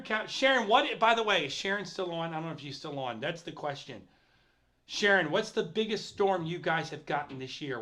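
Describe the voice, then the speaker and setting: A middle-aged man hosting a casual livestream chat, animated and reading viewer comments aloud. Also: fairly high pitch. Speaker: host.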